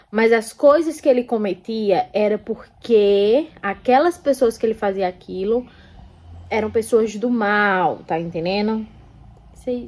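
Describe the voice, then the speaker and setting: A young woman chatting casually about a book she read, animated and acting out characters' lines with scoffing asides. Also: medium pitch. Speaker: book vlogger. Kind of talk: casual book review chat.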